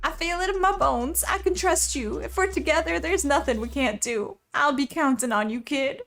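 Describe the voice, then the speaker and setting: A woman voicing a tough, proud delinquent gang-leader girl who is a bird, talking in a gruff, mentoring way. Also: sits high, normal speed, a bit bright, soft background music. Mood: firm.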